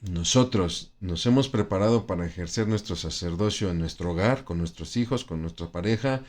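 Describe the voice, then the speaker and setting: A man's voice: sits low, moderate pace, a little mellow. A man teaching a Bible study lesson in a conversational way, with frequent tag questions and restarts. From Mexico.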